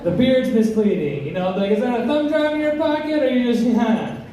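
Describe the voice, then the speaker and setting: On a comedy club stage, a man in his 30s delivers crude, self-deprecating stand-up in an extremely high voice with lively intonation and normal speed. The audio comes from a distance in an echoey, noisy club.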